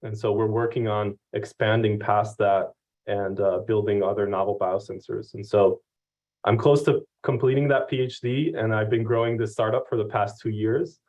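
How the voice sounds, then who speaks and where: A man's voice: lowish voice, steady tone, normal speed, darkish tone. A young man introducing himself on a panel as a PhD student and startup founder, hesitant with many fillers. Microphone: video call. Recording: dull, lo-fi audio.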